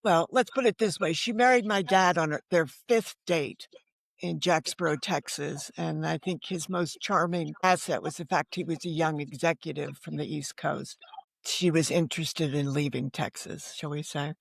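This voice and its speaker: Her deep, somewhat creaky voice moves at normal speed with no room sound. She's an older American woman, a novelist being interviewed over a remote video call, telling personal stories in a candid, self-deprecating way with rhetorical asides.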